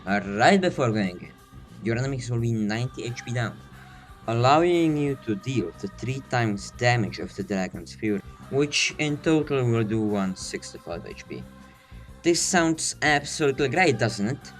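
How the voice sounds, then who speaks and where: A man's voice: mid-range voice, animated, normal speed. Casual male guide narrator, recorded under a blanket, slightly winded, rambling and self-deprecating, faint music underneath. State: slightly out of breath. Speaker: video game guide maker.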